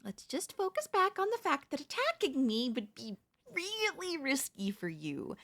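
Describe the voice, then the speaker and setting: A woman voices a talkative female zombie who wheedles and reasons as though chatting casually. Her pitch swings animatedly while her words arrive slowly, in a heavily acted, sly, comedic audio roleplay with a coaxing, conversational tone and a wheedling mood.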